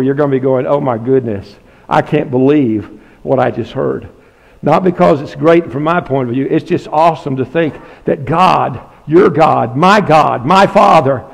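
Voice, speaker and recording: High gravelly preacher in a reverberant church. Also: male voice. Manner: emphatic, repeats key phrases, folksy asides. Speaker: pastor. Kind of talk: sermon with prayer. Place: church sanctuary.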